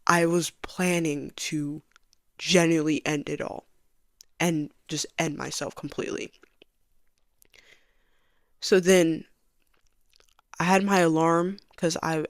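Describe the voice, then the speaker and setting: A young woman telling her personal story in a soft, halting voice that often sinks to a near whisper. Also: low voice, no echo, clean studio sound. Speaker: vlogger giving a personal testimony.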